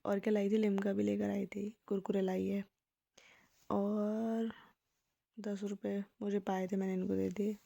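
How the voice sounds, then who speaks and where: Soft-spoken young woman, gravelly voice. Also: mid-range voice, level tone, measured pace, no echo, studio quality. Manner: soft, hushed, chatty. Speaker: vlogger. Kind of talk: casual voice-over vlog narration.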